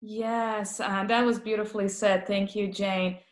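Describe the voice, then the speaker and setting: An Iranian woman whose first language is Farsi speaks with a Persian accent as a palliative care guest in a casual interview, telling stories with laughter. Her mid-range voice is unhurried, with little pitch movement, and sounds reverberant.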